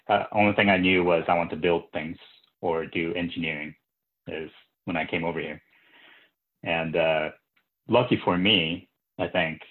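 A man from Japan, a podcast guest, recalling his path in a reflective, relaxed way. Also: low voice. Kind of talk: interview answers. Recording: tinny phone-like line.

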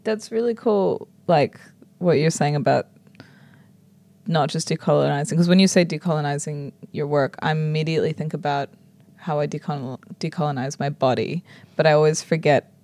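A woman in casual conversation, reflective and laughing often, trailing off softly. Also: deep voice, moderate pace, dry recording. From New Zealand.

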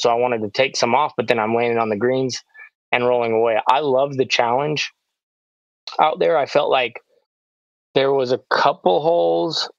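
A man and pro disc golfer, recapping his tournament in a relaxed, rambling casual chat full of "like" fillers. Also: medium pitch, no echo. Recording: dull, dry lo-fi sound.

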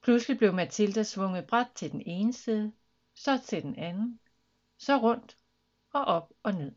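A woman reading a children's story aloud with lively, expressive narration. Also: mid-range voice, highs cut off.

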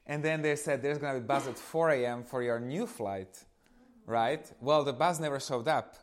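Here a guest speaker in his thirties, originally from eastern Slovakia and speaking with a Slovak accent, shares his personal testimony informally with an audience. He has a mid-range voice, keeps a moderate pace, and recounts his stories with animation.

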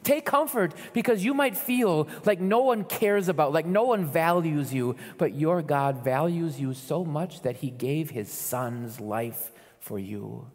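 A man's voice: fairly high pitch, lively intonation, unhurried, hardly any pauses. Earnest man preaching in a reverberant hall. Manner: earnest preaching, swells loud then drops soft. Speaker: pastor. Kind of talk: sermon.

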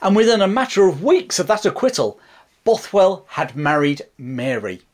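A man's voice: sits high, very animated, normal speed. A man narrating history as a channel host, dramatic storytelling broken up by chatty asides to the viewer.

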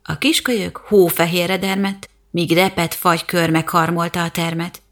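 A woman narrating a rhyming children's story as a bedtime storyteller, in a lively rhythmic reading. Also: lowish voice. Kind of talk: scripted storybook narration in rhyme.

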